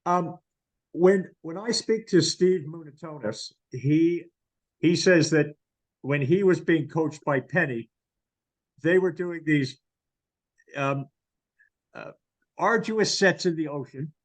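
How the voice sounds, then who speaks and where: A man hosting an interview as chairperson of a hall of fame, asking questions in a measured, hesitant way. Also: on the high side. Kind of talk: interview over video call.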